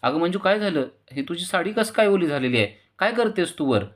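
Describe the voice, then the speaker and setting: A stern older man scolding his family in a loud, rising voice, as a male narrator puts him on. His anger climbs from line to line, sharp and commanding. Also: high-pitched, lively intonation, a little fast, voice pushed up. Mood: worried. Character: angry elderly man, stern family head.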